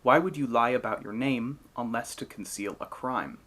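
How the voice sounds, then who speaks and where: A man's voice: mid-range voice, normal speed, sharp tone. A man voicing a proud, hot-tempered warrior god in a myth retelling, boastful and declamatory. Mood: frustrated.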